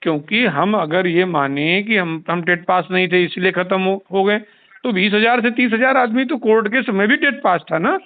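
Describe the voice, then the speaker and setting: A man with a high-pitched voice talks at normal speed as a union leader in a relaxed phone discussion. He keeps insisting on his explanation and repeating it, heard through tinny call audio.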